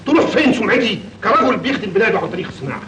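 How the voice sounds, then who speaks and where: A proud Egyptian bey, fatherly and emphatic, high lively voice, very fast, faint hiss of an old film. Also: roomy sound. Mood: indignant. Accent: Egyptian Arabic. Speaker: factory owner bey. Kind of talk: 1940s film acting.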